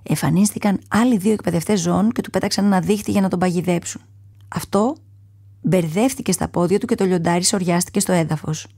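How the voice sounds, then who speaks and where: A woman's voice: on the low side, husky, dry recording, clean studio sound. Woman reading a children's story. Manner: calm, measured reading that drops to a soft whisper in places. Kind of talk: read-aloud children's story narration.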